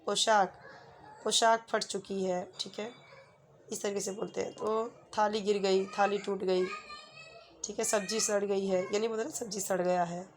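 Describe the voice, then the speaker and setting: Woman teacher with a flat, even voice. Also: mid-range voice, normal speed, slight background noise. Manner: patient, repeats "ठीक है" often, gives everyday example sentences. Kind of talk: explaining a Hindi workbook lesson to students.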